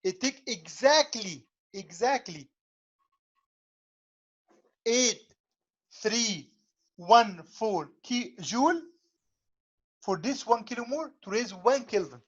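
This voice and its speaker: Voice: medium pitch, lively intonation, dull audio. A professor teaching an online lecture whose audio keeps breaking up over the video call, repeating key words to drive each point home. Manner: repeats key words, checks understanding with quick questions. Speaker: engineering professor.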